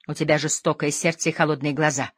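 A feverish, tormented lady lost in opium dreams, as a woman reader puts her on. She pleads and yearns in a low voice, swinging between hushed murmurs and sudden outbursts. The audiobook reading sounds close and dry. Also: level tone, fast talker, husky, no echo. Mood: reproachful.

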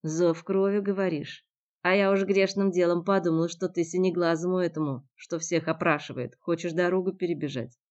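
Woman voicing spiteful young man, sneering, mocking, mellow tone, dull lo-fi audio. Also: fairly low pitch, steady tone, a little fast, close to an everyday voice. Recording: dull lo-fi recording.

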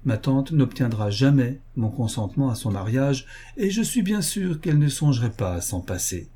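A man reading as a sharp-witted young woman with a dry, ironic manner. The voice is dark and husky. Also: medium pitch, animated, moderate pace.

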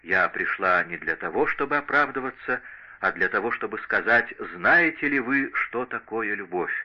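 A man's voice: fairly low pitch, expressive, normal speed, dull audio. A man voicing a lovesick young French noblewoman who pleads with passion in an audiobook. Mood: pleading. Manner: impassioned, imploring. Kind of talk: audiobook character reading.

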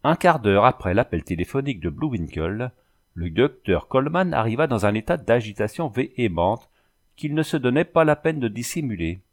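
A man narrating a literary audiobook in an expressive, animated reading. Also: medium pitch, normal speed.

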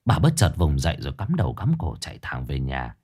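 A man's voice: a bass voice, huge pitch swings, a little fast, darkish tone, breathy edge. Man narrating a ghost story expressively.

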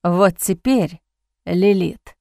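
A woman voicing a cold, cynical aristocratic man in an audiobook, speaking low in a husky, mocking whisper. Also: measured pace, a little mellow, no room sound, studio quality, close to an everyday voice. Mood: hoarse.

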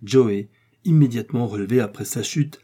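A male audiobook narrator reads with a steady, expressive delivery. His voice is dark and warm, with a husky grain and mid pitch. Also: moderate pace.

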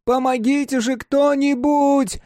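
A storybook friend who shrieks for help in a piercing falsetto, far higher than any normal speaking voice. He sounds giddy and a little unhinged, sliding into near-hysteria. The voice is dry and close. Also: lively intonation, moderate pace, no echo. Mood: hysterical. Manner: shrill, hysterical shouting. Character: giggling, shrieking man, hysterically playful.

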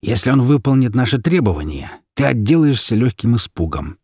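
A man's voice: medium pitch, sing-song, a little fast, a little mellow, husky, no room sound, clean studio sound. A man voicing a crude, threatening gangster who curses as he questions a captive. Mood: menacing. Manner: coarse, threatening, cursing. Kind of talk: audiobook character voice.

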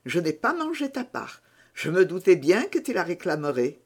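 A kind young peasant woman coaxes a child with gentle teasing in an audiobook, as a woman reader puts her on. Her voice lifts a little above the narration and moves with a lively lilt. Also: on the low side, normal speed, breathy edge. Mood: coaxing. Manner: teasing, coaxing. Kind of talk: audiobook character reading.

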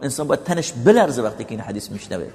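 A man preaching a sermon with impassioned delivery, rising to loud pleading peaks and dropping low, reciting Arabic verses slowly before explaining them. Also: big pitch swings. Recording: long hall reverb.

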